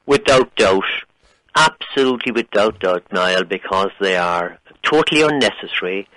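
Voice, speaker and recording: A man's voice: fairly low pitch, expressive, normal speed, sharp tone, no echo, rough recording. An Irish man arguing on a radio phone-in in an opinionated, emphatic, condescending way. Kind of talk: heated phone-in debate.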